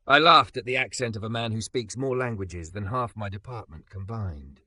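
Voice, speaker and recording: A man's voice: lowish voice, normal speed, sharp tone, no echo. A man voicing a remorseful young woman marketer, emotional and close to tears. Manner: emotional, voice catching.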